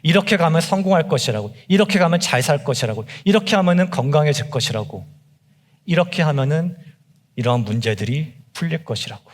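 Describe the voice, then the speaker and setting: A young adult man preaching a sermon as a junior pastor, emphatic and impassioned, rising to cries then dropping low. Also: animated, fairly quick, in a large hall. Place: church sanctuary.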